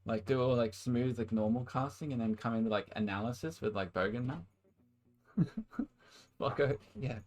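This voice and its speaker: A man's voice: medium pitch, steady tone, moderate pace, a little mellow. An Australian man casting esports and chatting casually with his stream viewers, energetically hyping them up. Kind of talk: casual stream chat and play-by-play commentary.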